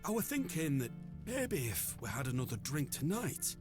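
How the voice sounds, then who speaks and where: An actor playing a coaxing, apologetic town drunk in an adventure game. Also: male voice, fairly high pitch, big pitch swings, moderate pace. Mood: coaxing, sheepish. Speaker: video game character. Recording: game music behind.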